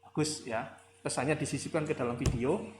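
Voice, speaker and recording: Here the lecturer's voice sits in the mid-range, steady in tone and a little fast. He is a man giving a loose, chatty university lecture with fillers, rhetorical questions, and a slight tinge, recorded in an echoey room with faint background noise.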